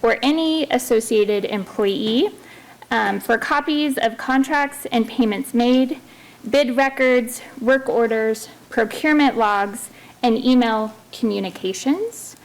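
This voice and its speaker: A woman's voice: fairly high pitch, slow pace, low-quality recording. A woman giving a semi-formal public comment, hesitant, with frequent ums breaking up her phrases. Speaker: public commenter at a city council meeting.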